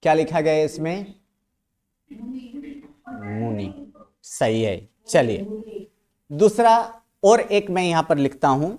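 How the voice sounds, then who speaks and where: A male teacher giving a classroom lecture. His pitch rises and falls a great deal, and he speaks at an unhurried pace. He keeps asking his class questions and going back over each point. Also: expressive, dark tone. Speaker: Sanskrit grammar teacher. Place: classroom, writing on a board.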